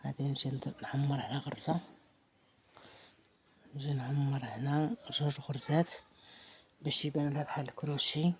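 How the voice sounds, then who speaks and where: A woman with a Moroccan Arabic accent talks quickly through an embroidery lesson in a relaxed, chatty way. She thinks aloud as she stitches and now and then drops into quiet murmurs to herself. A faint hum of room ambience sits behind her voice. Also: rumbling low. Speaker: embroidery teacher. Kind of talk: casual hands-on craft tutorial.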